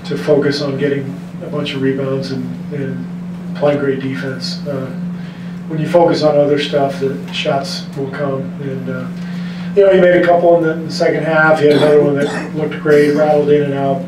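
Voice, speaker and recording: A middle-aged man, a basketball coach, speaking at a press table in a measured, frank way with frequent restarts. His voice sits a touch high for a man and stays narrow in its range. It's caught from a distance in an echoey room with steady background noise. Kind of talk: post-game press conference answers. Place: press room in front of a team backdrop. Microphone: desk mic on a stand, recorded from the room.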